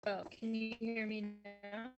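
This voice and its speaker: A woman on a planning board, voting during a remote public meeting over a choppy video call that keeps cutting in and out, speaking slowly and haltingly. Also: mid-range voice, completely flat delivery, faint music behind. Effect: choppy video-call audio, cutting in and out. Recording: distant, muffled video-call line.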